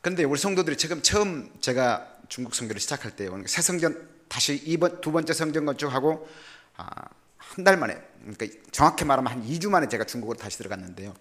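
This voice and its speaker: An older man, a missionary preacher, telling personal stories in an animated, humorous sermon that swings from loud to quiet. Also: medium pitch, fast talker.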